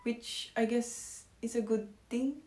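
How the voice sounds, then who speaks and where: A woman's voice: fairly high pitch, steady tone, slow pace, darkish tone, reverberant, a little hiss or hum. A young woman from Batangas chatting casually to camera in a playful, teasing way. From Batangas, Philippines. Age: young adult. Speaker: vlogger.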